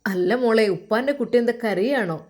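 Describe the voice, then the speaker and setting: A woman's voice: on the high side, a little fast, darkish tone, close to an everyday voice. A woman voicing a loving middle-aged father who speaks tenderly to his daughter over the phone in a told story. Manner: tender, coaxing.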